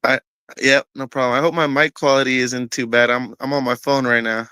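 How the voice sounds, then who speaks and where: A man's voice: mid-range voice, flat delivery, fairly quick, sharp tone, clear, resonant tone, no echo. A man joining a livestream as a guest, talking over his phone in a friendly, slightly shy casual chat. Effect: heard through his phone.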